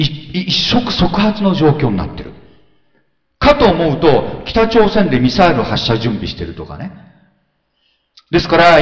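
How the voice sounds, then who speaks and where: A man preaching a sermon, telling stories with lively, animated delivery and mimicking grumbling crowds. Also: a little high. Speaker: pastor. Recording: echoey hall, dull lo-fi sound.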